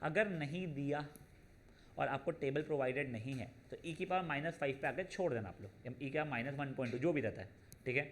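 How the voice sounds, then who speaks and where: There's slight background noise as a mid-range male voice gives a classroom lecture on probability. The math teacher goes through formulas step by step and slows on them, regularly checking in with his students by saying "theek hai na" and calling them "beta."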